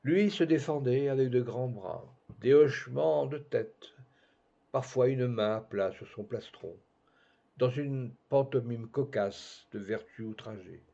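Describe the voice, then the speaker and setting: A man narrates a classic story in a measured, literary way, his voice mellow and warm at a middle pitch. The recording sounds a bit dull and lo-fi. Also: vocal fry. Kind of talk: scripted narration.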